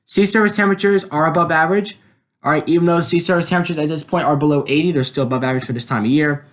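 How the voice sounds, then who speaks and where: American male weather streamer, fairly high-pitched, explanatory live commentary with frequent check-in phrases. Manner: explanatory, often repeats check words like "all right". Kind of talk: live hurricane commentary over maps and radar. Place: indoors at a computer, screen-share voice-over.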